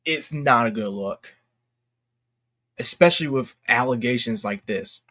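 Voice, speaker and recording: Once more the American online commentator reads posts aloud off the cuff, calling his audience "y'all" and speaking haltingly, repetitively and with plenty of slang. This time his mid-range voice comes across a bit bright.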